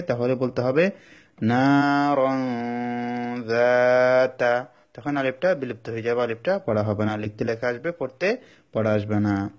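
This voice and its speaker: A man's voice: mid-range voice, a little mellow. A man with a Bangladeshi Bengali accent teaching Quran reading, explaining each rule patiently and repeating it several times. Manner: drawn-out chanted Arabic examples. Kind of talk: step-by-step recitation lesson.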